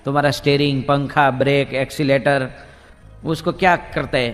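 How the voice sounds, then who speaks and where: A man's voice: medium pitch, steady tone, moderate pace, big-room sound, soft background music, close to an everyday voice. A man voicing a flustered driver who reports his stolen car parts and then sheepishly apologizes. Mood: complaining.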